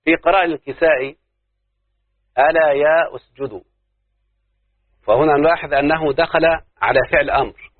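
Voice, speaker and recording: A man's voice: fairly high pitch, moderate pace, long pauses, dry recording. A man with an Egyptian accent teaching a grammar lesson to a class, explaining step by step and putting questions to his students. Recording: tinny phone-like dry recording.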